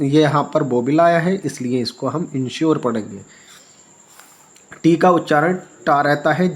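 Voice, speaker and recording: A male English teacher, his voice on the high side and the recording rough, spells words out letter by letter and reads them slowly for learners. He often repeats himself and asks rhetorical questions.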